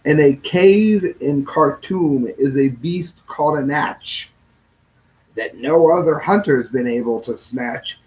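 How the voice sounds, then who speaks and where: A man with a fairly high, somewhat dark voice reads a children's rhyming storybook aloud in a theatrical sing-song, drawing out phrases. He reads slowly, sometimes stumbling over words and correcting himself, and the audio quality is poor.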